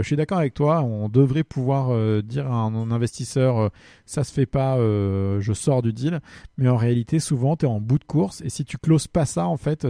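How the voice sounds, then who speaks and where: Relaxed French man answering listener questions. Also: medium pitch, no room sound, studio quality. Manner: hesitant, full of fillers, friendly. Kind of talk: casual solo podcast.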